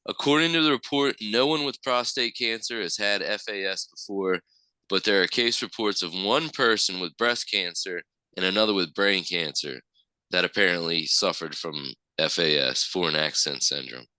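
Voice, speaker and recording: A low-voiced man reads news stories aloud as a podcast co-host, with a very bright, forceful tone. His voice is smooth and crisp. The sound is dry and close, with no room echo. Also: normal speed.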